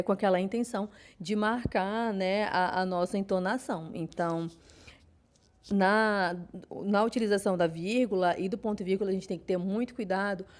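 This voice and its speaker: A woman with a Brazilian Portuguese accent delivers an online class lecture, explaining patiently with frequent fillers and restarts. Her voice has medium pitch and a darkish tone.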